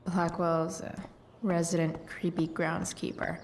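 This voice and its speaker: A woman's voice: lowish voice, flat delivery, measured pace, a little hiss or hum. A woman voicing a sarcastic, guarded teenage punk girl in a video game, with a casual, dry, hesitant drawl.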